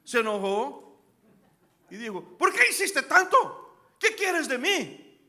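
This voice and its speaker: This Brazilian-born pastor, whose Spanish carries a Brazilian accent, has a very high-pitched voice and preaches very animatedly but at a slow pace. In the church sanctuary, his sermon shifts from quiet storytelling to loud shouting as he calls out to the congregation.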